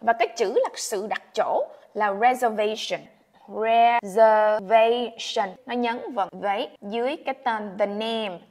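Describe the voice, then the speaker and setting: A woman teaching travel English phrases in Vietnamese, slowing down carefully to model each English phrase. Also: on the high side, a little mellow. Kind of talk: Vietnamese-language English lesson.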